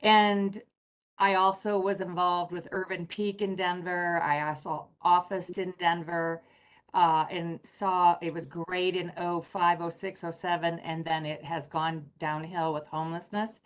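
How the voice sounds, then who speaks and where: Lowish-voiced woman calling in with concerns. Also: flat delivery, a little slow. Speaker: online caller. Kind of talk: public comment by remote call.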